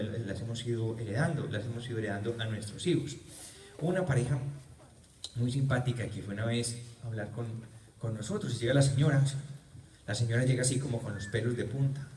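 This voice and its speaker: A man's voice: medium pitch, darkish tone, a little hiss or hum. A man preaching at a healing retreat, telling personal stories with humor and repeating key words for emphasis. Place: parish church. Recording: roomy church, mic far off.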